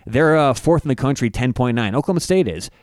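A man giving a casual, stat-heavy breakdown of college football betting lines, often halting and restarting as he talks. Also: medium pitch, animated, darkish tone, no room sound, clean studio sound. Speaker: sports betting analyst. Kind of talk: casual analytical sports chat.

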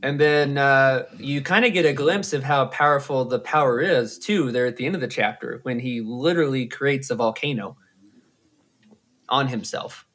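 A man's voice: medium pitch, normal speed, fairly bright tone. A man hosting a casual book podcast, patiently explaining lore to his co-hosts. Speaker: podcast host.

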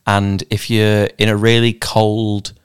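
A man's voice: fairly low pitch, little pitch movement, takes it slowly, clear, resonant tone. A man co-hosting a comedy podcast, playfully going along with the jokes. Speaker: podcast co-host. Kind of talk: casual comedic chat.

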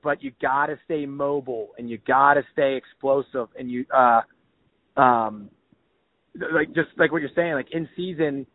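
A man's voice: medium pitch, moderate pace, dry recording. A man hosting a casual podcast, upbeat and slangy, full of "like" and "dude". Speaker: podcast host. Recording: tinny phone-like audio, dry.

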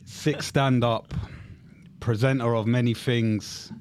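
A man's voice: medium pitch, fairly even intonation, slow pace, darkish tone. London man hosting, slangy, noisy room. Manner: laid-back slangy talk. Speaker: podcast host. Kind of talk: casual chat, interviewing.

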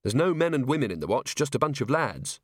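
A man's voice: medium pitch, very animated, quick pace, dry recording. A man voicing a frank, dry-witted young policewoman in a lightly raised, matter-of-fact voice. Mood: wry, frank.

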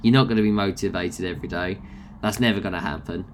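A young man talks with a nasal, fairly low voice in a blunt, chatty way, swearing freely as he rants. A faint hum of ambience sits under him. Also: quick pace. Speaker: podcast host. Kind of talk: casual motivational rant.

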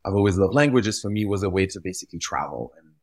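As a guest on a conversational podcast, a retail visual expert from Belgium, a French native speaker with a deep voice, talks in rapid-fire bursts. His manner is animated, and he repeats words as he collects his thoughts. The recording is dry, clean studio sound.

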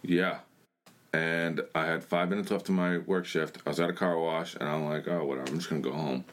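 A man's voice: extremely low pitch, steady tone, brisk, slight background noise. A young man giving a blunt, plain-spoken personal testimony in a conversation. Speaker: church member sharing his testimony.

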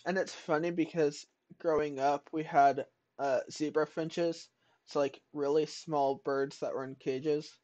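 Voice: medium pitch, fairly even intonation, unhurried, darkish tone. A podcast co-host chatting casually and playfully, with joking asides, on an online voice call.

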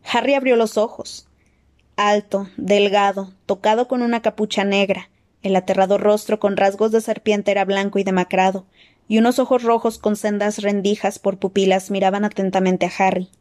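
A woman reading a fantasy novel aloud as interpretive audiobook narration. She tells the action with expressive, dramatic delivery. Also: mid-range voice, normal speed. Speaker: audiobook reader.

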